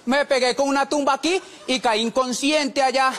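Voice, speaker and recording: A man telling an animated stand-up story, acting out the voices, with a live audience. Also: very high-pitched, moderate pace. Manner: animated, acts out voices, laughs through lines. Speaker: stand-up comedian. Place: comedy stage before a live audience. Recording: live show with audience and noise.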